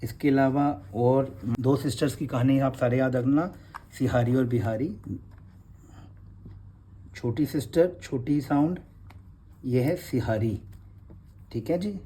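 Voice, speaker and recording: Guy teaching letters, slow and patient, kinda husky warm voice. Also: medium pitch. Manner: patient, repeats letter sounds slowly. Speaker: Gurmukhi script teacher. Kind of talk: revision class for beginners.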